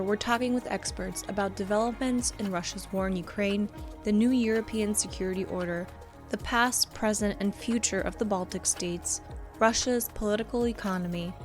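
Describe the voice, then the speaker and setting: A woman's voice: mid-range voice, moderate pace, faint music behind. A woman announcer reading a scripted, polished podcast network promo.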